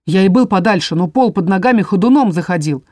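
A woman's voice: mid-range voice, lively intonation, fast talker, darkish tone, no echo, studio quality, close to an everyday voice. A woman voicing a sulky male bartender who grumbles.

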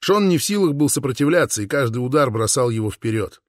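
A man's voice: mid-range voice, lively intonation, quick pace, no room sound, studio quality. Man narrating an adventure audiobook. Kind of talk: scripted narration.

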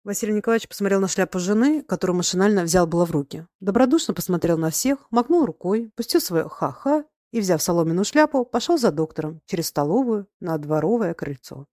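A woman reading a classic story aloud as audiobook narrator, even and measured. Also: lowish voice, no room sound, clean studio sound. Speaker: audiobook reader. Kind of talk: scripted literary narration.

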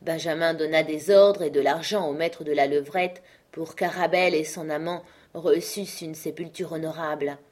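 Woman narrator, audiobook, measured and steady, lowish voice.

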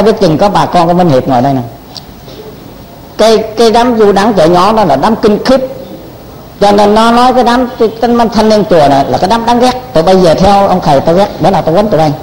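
Elderly monk, animated sermon. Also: male voice, sits high, quick pace. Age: older. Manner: animated, acts out quoted speech, repeats words. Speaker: Buddhist monk teacher. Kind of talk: storytelling sermon. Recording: long hall reverb.

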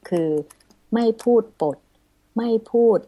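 A woman hosting a radio talk show on Buddhist teaching, speaking politely and formally with soft courtesy particles. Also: slow pace. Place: radio studio.

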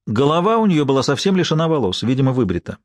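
A man reading an audiobook in an even, measured narration. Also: mid-range voice, no echo, studio quality. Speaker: audiobook reader. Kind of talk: scripted narration.

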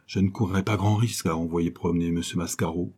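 A man's voice: deep voice, steady tone, brisk, darkish tone. A man reading a novel aloud, voicing a vain and smug young man who boasts in a sneering way. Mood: boastful.

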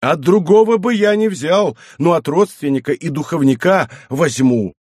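A man's voice: a little high, lively intonation, normal speed, a little mellow, slightly rough, no room sound, studio quality, voice pushed up. Man voicing a sly, fawning old knight. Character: cunning, flattering old male knight. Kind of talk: audiobook character reading.

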